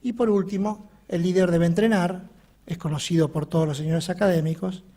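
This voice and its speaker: A man's voice: high-pitched, fairly even intonation, a little fast, mellow. A man with an Argentine accent opening a surgical symposium as coordinator, giving a formal address in declarative, list-like phrasing. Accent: Argentine Spanish.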